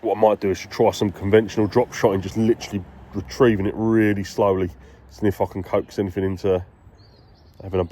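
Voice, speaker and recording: A man's voice: low voice, warm tone. A British man with a congested, stuffy nose from a cold, chatting casually and thinking aloud as he films himself fishing. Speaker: angler filming a fishing vlog. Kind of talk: casual chat to camera while fishing. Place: outdoors by the water.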